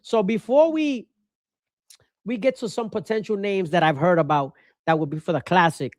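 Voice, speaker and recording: Passionate sports host. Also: male voice, high-pitched, normal speed, no echo, clean studio sound. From Puerto Rico. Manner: passionate, switches into Spanish, repeats points for emphasis. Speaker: baseball podcast host. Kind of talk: opinionated solo commentary.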